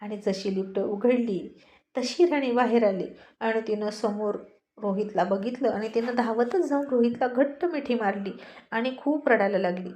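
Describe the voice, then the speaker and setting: A woman narrating a serial story in a steady, expressive way. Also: a little high, moderate pace.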